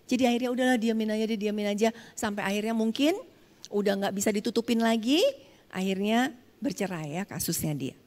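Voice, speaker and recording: A woman's voice: medium pitch, brisk, a little mellow. A woman preacher giving a sermon, telling stories and acting out the dialogue while she calls her listeners "saudara". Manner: storytelling, acts out quoted dialogue, addresses congregation as "saudara". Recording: long hall reverb.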